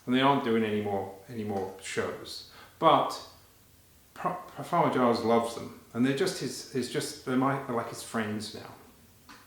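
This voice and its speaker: A man performing a story live for children, animated and talking to them directly, halting and repeating phrases as he goes. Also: medium pitch. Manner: animated, addressing children with questions. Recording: very echoey, reverberant room.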